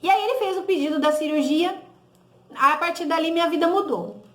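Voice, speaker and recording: A woman's voice: very high voice, fairly quick, reverberant. A woman with a Brazilian Portuguese accent giving a personal testimony, recounting conversations with lots of "he said, I said" and little tag questions. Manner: conversational, re-enacts dialogue with "he said, I said"; frequent tag "né?" and self-corrections.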